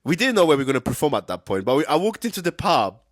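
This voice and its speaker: A man speaking as a co-hosts a drag podcast, telling stories with sass. His pitch swings widely as he talks. The recording is dry and close. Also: rapid-fire, no room sound. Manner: lively, sassy, storytelling. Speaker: drag co-host and barber. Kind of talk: casual chat.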